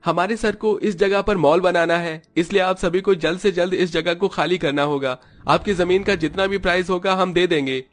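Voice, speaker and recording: A man voicing a builder's servile, pushy assistant in an animated story, making polite threats. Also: high voice, normal speed, hardly any pauses.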